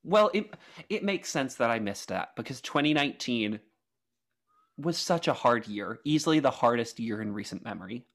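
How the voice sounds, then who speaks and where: A man's voice: mid-range voice, expressive, moderate pace, fairly bright tone. A man co-hosting a podcast, joking in a mock-formal, self-mocking way and laughing often. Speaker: podcast co-host. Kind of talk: casual comedic chat.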